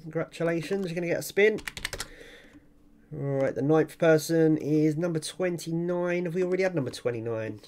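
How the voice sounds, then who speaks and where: A man with a slightly high voice hosts a casual online giveaway announcement. He commentates on the draw as it goes, informal and chatty. He addresses winners and viewers directly, like a channel owner talking to regulars. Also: normal speed, a little mellow, slight background noise.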